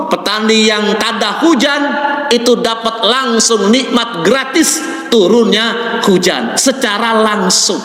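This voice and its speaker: A man's voice: high-pitched, a bit bright. A middle-aged male preacher teaching recitation in a mosque, drawing out verses and stressing corrections emphatically. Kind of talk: mosque sermon with Quran recitation lesson. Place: large mosque hall. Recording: echoey mosque hall, distant mic.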